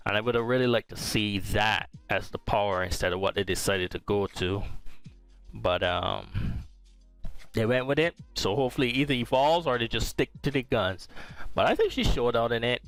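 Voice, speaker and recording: A man's voice: medium pitch, a bit bright. A young man hosting a podcast, chatting casually about shows in a rambling, easygoing way. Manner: rambling, easygoing, often restarts his sentences. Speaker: podcast host. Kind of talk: casual pop-culture review chat.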